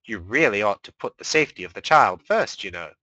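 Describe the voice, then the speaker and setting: A man's voice: on the low side, lively intonation, a little fast, bright, forceful tone, no echo, rough recording. A man voicing a smug male chaos spirit with a sly, mock-polite drawl.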